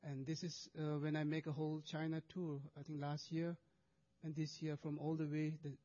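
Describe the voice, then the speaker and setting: In slightly dull, lo-fi audio, a monk-like presenter talks about charity projects to an audience with a video. His non-native English is halting, packed with fillers and restarts, and his mellow, somewhat high voice stays monotone.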